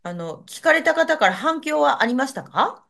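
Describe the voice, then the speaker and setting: A woman's voice: sits high, moderate pace, gravelly. A middle-aged woman hosting a casual podcast interview, encouraging her guest and laughing often. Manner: warm teasing, laughs often, lively cheering. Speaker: podcast host.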